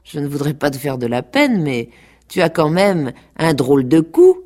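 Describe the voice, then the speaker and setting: A woman's voice: big pitch swings, moderate pace, darkish tone. A woman voicing a vain, boastful rooster in a radio play, sneering and insolent. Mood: condescending. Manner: insolent and sneering, shrill when angry.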